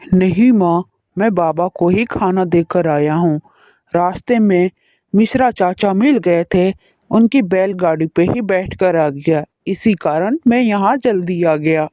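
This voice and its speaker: A woman's voice: lowish voice, unhurried, dark tone, no echo, dull audio, pitched below the performer's own voice, close to an everyday voice. A woman voicing a kind, protective young brother in a cartoon story, speaking earnestly.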